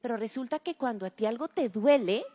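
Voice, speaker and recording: A woman pastor preaching a sermon, expressive, dropping to a hushed voice when acting out prayers. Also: a little high, fairly quick. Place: church with several campuses.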